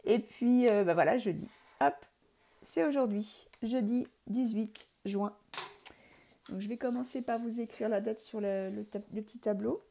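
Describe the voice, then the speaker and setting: A woman's voice: fairly high pitch, measured pace, vocal fry, dark tone, slight background noise. A French woman teacher giving a recorded lesson to young pupils, patiently spelling out letters and syllables one by one. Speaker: primary school teacher.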